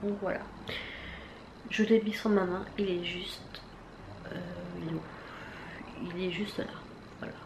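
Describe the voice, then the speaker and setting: A woman's voice: medium pitch, fairly even intonation, unhurried, long pauses. Woman chatting through a makeup haul. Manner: chatty, hesitant with many fillers and restarts. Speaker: beauty vlogger. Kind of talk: casual makeup haul review. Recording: echoey room with faint background noise.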